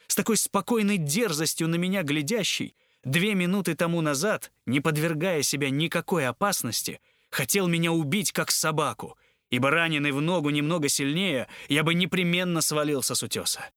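A man reading a classic novel aloud in a measured, dramatic way. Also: on the high side, fairly bright tone, no room sound, clean studio sound. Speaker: audiobook narrator. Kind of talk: literary audiobook narration.

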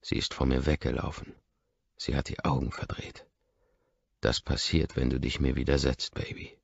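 A man reads a first-person story in an extremely deep voice with a gravelly, husky grain. His delivery is measured and intimate and often sinks to a hush. The recording is dull, lo-fi and dry. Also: little pitch movement, no room sound. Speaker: audiobook reader. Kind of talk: first-person audiobook narration.

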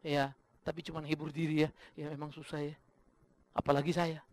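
A middle-aged Indonesian man preaching a sermon, swinging from loud emphatic bursts to low, confiding asides. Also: level tone, brisk. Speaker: pastor.

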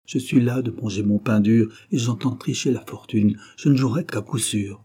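A sharp, sneering young man hungry for success, voiced by a male reader of an audiobook. The voice is pushed up and louder than the narration yet keeps a dark, husky timbre. He snaps with impatience and scorn. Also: on the low side, lively intonation, normal speed. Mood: petulant, scornful. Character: bitter ambitious young provincial man.

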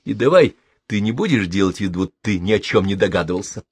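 A man reading aloud and voicing a flippant, quick-tempered young man who has got himself into trouble. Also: on the low side, lively intonation, breathy edge. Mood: irritated. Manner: sharp, quick-tempered, joking.

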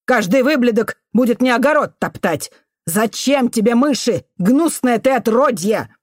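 A spiteful old caretaker woman snarls and shrieks abuse in a raised, loud voice, as a female reader puts her on. Her tirades swing high and low with venom. The recording is dry and close, like a storybook audiobook. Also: animated, measured pace, no echo. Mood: furious. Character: vicious foul-mouthed old female caretaker.

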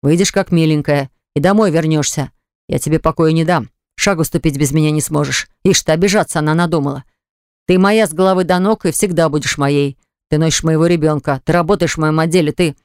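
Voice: medium pitch, fairly quick, clear, resonant tone, dry recording, clean studio sound, close to an everyday voice. A reader voicing a blunt, domineering young man who insists on getting his way with his fiancée in an audiobook.

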